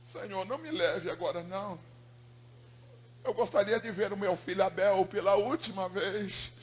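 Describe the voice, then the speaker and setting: A man's voice: very high-pitched, measured pace, a little hiss or hum, pitched above the performer's own voice. A man voicing his elderly mother, praying fervently and pleading for her lost son. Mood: desperate plea.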